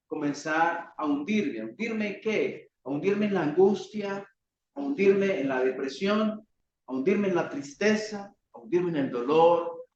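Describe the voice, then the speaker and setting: A man's voice: high voice, distant mic, slight background noise. A man with a Colombian Spanish accent preaching a sermon, asking rhetorical questions and acting out cries for help. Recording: roomy, dull church recording.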